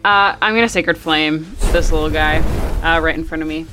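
A woman playing a tabletop game in a playful, laughing way. Her voice sits a little low, and faint music plays in the background. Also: fairly even intonation, normal speed. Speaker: player. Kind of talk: casual tabletop game play.

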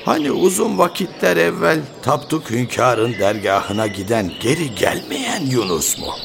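An actor playing a cantankerous old village patriarch in a radio play, with folksy rural speech and a scolding manner. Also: male voice, medium pitch, sing-song, measured pace, creaky, noisy background. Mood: curious, suspicious. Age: older. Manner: grumbling, scolding, rhetorical questions.

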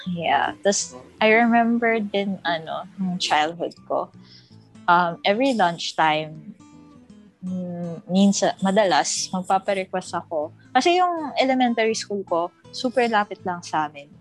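A young woman co-hosting a podcast, reminiscing about childhood in relaxed chat, laughing often and mixing English into her Tagalog. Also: mid-range voice, takes it slowly, faint music behind, low-quality recording. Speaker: podcast co-host. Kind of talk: casual chat.

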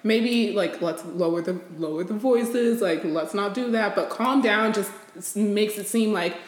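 A woman chatting casually on a podcast-style talk show, animated and laughing as she acts out quotes. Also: medium pitch, a little slow, echoey room. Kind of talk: casual chat.

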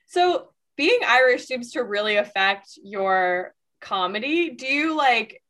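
A woman's voice: a little high, animated, takes it slowly, fairly bright tone. A young woman, a comedian hosting a podcast, chatting casually and using lots of "like". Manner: filler-heavy, lots of "like". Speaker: podcast host, stand-up comedian. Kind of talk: casual interview chat.

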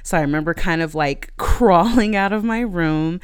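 Casual podcast host, conversational delivery, middle-pitched, exceptionally smooth and clear tone. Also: normal speed, no room sound, studio quality. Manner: conversational, laughs easily while talking. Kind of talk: casual chatty solo podcast.

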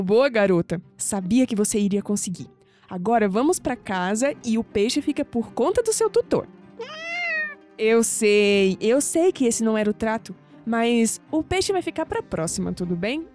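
In an audio drama, an actress voices a proud, skeptical young adult woman with a Brazilian accent. Her delivery is expressive and fairly high, turning hesitant whenever she gets flustered.

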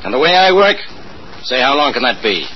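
An actor playing a methodical, self-important police inspector in 1940s radio drama style, questioning in an official, deliberate way. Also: male voice, mid-range voice, big pitch swings, natural voice. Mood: businesslike. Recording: muffled old radio recording, faint noise.

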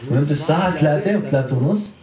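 A man's voice: on the high side, animated, very fast. A man in a casual chat who rambles and repeats words. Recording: echoey room with crowd chatter behind.

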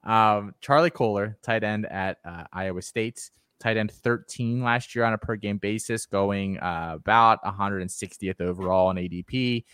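A man's voice: lowish voice, normal speed, hardly any pauses, fairly bright tone, clean tone, no echo, studio quality. A man hosting a podcast, confidently giving his picks in a casual sports analysis chat. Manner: confident, gives firm picks and advice. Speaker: podcast host.

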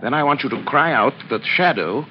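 An American actor playing a commanding, coolly confident gentleman crime-fighter in an old-time radio drama. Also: mid-range voice, animated, fairly quick, natural voice. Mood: urgent, firm. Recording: muffled noisy vintage radio recording.

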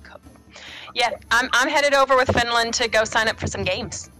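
A woman playing in a tabletop game, eager and animated. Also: on the high side, normal speed, soft background music, low-quality recording. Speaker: player. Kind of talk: casual tabletop play.

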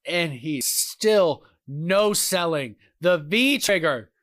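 A male wrestling commentator with a notably high-pitched voice delivers move-by-move play-by-play. He is excitable and breaks into exclamations on big moves. The sound is dry, with hardly any room echo. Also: takes it slowly.

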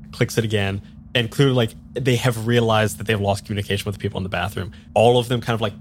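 Man, game master, low-ish voice, casual narration, faint hiss. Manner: loose, filler-heavy description.

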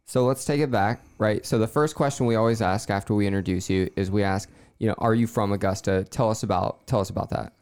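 Brief: man, podcast host, smooth low voice, dry close mic. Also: no echo. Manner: friendly, steady, measured. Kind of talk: scripted intro and sponsor read, casual chat.

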